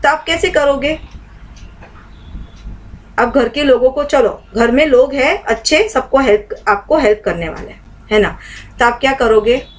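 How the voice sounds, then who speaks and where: A woman's voice: sits high, a little slow, pauses often, low-quality recording. A woman teaching a live online meditation class. She keeps asking the class questions to walk them through her points. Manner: asks the class many rhetorical questions.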